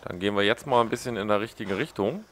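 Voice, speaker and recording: A man's voice: fairly low pitch, fast talker, slight background noise. A man giving casual gameplay commentary as a let's play host, joking and mocking the characters on screen.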